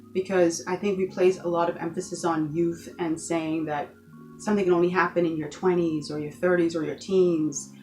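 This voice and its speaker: A woman's voice: fairly low pitch, darkish tone. A woman from the Bahamas giving an earnest motivational talk in her vlog, encouraging viewers and repeating points for emphasis. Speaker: vlogger.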